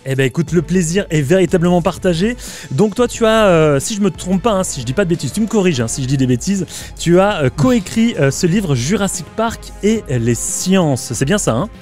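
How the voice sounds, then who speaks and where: Young male host, casual and chatty, fairly high voice, light music bed. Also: expressive, moderate pace, a little mellow. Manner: chatty, hesitant, many fillers. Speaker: YouTube channel host. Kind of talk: casual video interview.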